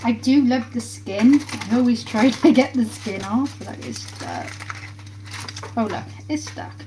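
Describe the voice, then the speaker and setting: Slow-talking woman cooking and chatting. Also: on the high side. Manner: chatty, talks to viewers while busy at the stove. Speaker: cooking livestream host. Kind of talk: casual live chat while cooking. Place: home kitchen, indoors. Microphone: phone camera close by on the counter. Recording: kitchen noise, pans sizzling behind.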